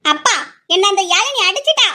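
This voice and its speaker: A woman's voice: extremely high pitch, very animated, fairly quick, bright, forceful tone, exaggerated voice. A woman doing a hot-tempered young daughter. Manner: indignant, complaining. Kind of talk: amateur audio drama acting.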